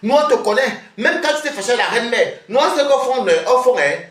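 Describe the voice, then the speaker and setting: Lady going off on a live stream from home, pitch jumps all over, echoey room. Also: lively intonation, fairly quick. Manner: confrontational, scolding, laughs mockingly. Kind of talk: heated live-stream rant.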